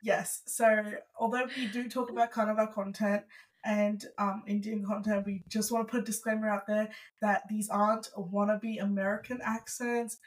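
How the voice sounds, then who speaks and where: Mid-pitched young woman co-host, dry humor. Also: flat delivery, moderate pace, poor audio. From raised overseas. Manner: explanatory, many "um" fillers, dry humor. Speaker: podcast co-host. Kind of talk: casual chat.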